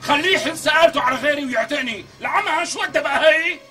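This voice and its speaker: A man's voice: extremely high pitch, very fast, over music. An actor with a Syrian accent playing a brusque, irritable man who snaps at an unwanted visitor in a TV comedy. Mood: irritated. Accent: Syrian Arabic. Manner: snappy, exasperated, curses freely. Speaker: stubborn lodger. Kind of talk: TV comedy acting.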